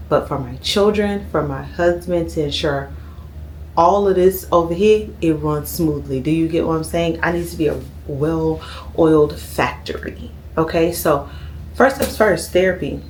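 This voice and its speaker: A woman's voice: deep voice, a little hiss or hum. A thirty-year-old woman, chatting casually to her camera at home and tagging "okay?" onto her lines. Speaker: vlogger. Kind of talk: casual sit-down chat to camera.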